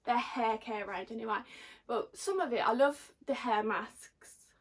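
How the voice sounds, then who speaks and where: A young woman chats to camera in a fairly high voice. She sounds tipsy and giggly, rambling along in casual slang and poking fun at herself. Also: unhurried, slightly rough. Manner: rambling, slangy, self-mocking. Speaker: vlogger.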